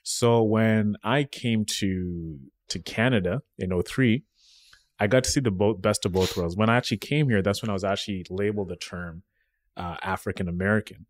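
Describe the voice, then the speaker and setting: A young man from Kenya with Swahili as his first language talks through memories on a podcast, often tagging his sentences with a questioning "right?". His voice sits fairly low, and the recording is close and dry with no room sound. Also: normal speed, dry recording. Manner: reflective storytelling, frequent "right?" tags. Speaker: podcast guest. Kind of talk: casual podcast conversation.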